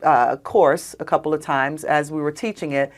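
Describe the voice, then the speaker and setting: A woman, a guest on a podcast, telling personal stories in an animated, emphatic, conversational way. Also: low voice, normal speed. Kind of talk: conversational storytelling.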